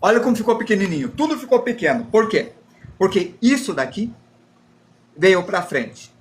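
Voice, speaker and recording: A man's voice: sits high, sing-song, moderate pace. A Brazilian man teaching a live drawing class, chatty and self-deprecating as he explains while drawing and answers chat. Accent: Brazilian Portuguese.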